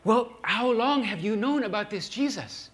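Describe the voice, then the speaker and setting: A man voicing a grieving old village shaman grandfather, crying and pleading in a high, strained voice. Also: animated, normal speed, a bit bright. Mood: anguished.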